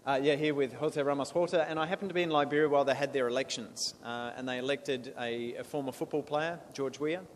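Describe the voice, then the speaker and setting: A man's voice: medium pitch, fairly even intonation, fast, hardly any pauses. Earnest Australian man in an echoey hall. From South Australia. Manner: earnest, with frequent restarts and fillers. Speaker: guest speaker. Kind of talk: presentation to a club. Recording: echoey hall with faint noise.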